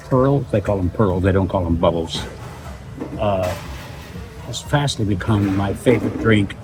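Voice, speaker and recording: Easygoing man, vlog co-host, food chat on a ship, clear music bed behind. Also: lowish voice, rough recording. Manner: relaxed, enthusiastic food reviewer. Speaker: cruise vlogger, co-host. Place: aboard a cruise ship.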